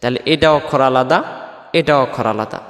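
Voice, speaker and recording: Man teaching prayer recitation, echoey. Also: mid-range voice. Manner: slow drawn-out chanting of words for practice. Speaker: religious teacher. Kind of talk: prayer pronunciation lesson. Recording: roomy with long reverb.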